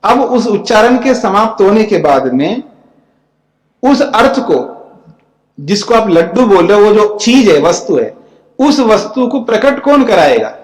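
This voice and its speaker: A male spiritual teacher with a fairly high voice gives a scripture commentary lecture. He reads out a line of verse, then explains it in plain words, often checking that his listeners follow. The sound is roomy and echoey, with a long reverb that hangs in the hall. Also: very animated, unhurried. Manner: reads Sanskrit lines, then explains each in plain speech.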